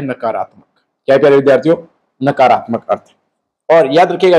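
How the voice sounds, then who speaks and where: A man's voice: on the high side, darkish tone, low-quality recording. A young man teaching an exam-prep grammar lesson, often calling out to his students and repeating key words back as questions.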